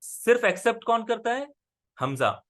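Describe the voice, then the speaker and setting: A man's voice: very high voice, sing-song, normal speed. A man teaching Arabic letters in an online class, explaining patiently and often checking that his student follows.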